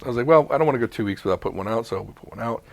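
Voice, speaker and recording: A man in his mid-forties chatting on a podcast into a home mic. His voice sits at an ordinary middle pitch, and he talks in lively, rambling bursts. He swears casually and often backs up to restart a thought. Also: racing, vocal fry. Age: 40s. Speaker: podcast co-host. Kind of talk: casual chat. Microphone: home podcast mic with mute button.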